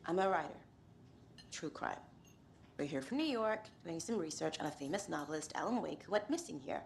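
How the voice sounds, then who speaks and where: A woman's voice: sits low, animated, a little fast, gravelly. A woman playing a brash, sardonic writer in a video game. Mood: wry, defensive. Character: brash, sardonic female true-crime writer. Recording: faint background ambience noise.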